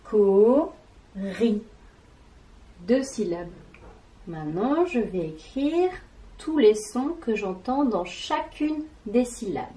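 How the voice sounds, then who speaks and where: A woman gives a classroom lesson at a very slow, careful pace. Her voice is mellow and soft-edged, and she lingers on each syllable and sound as she spells them out. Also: medium pitch, poor audio. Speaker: teacher.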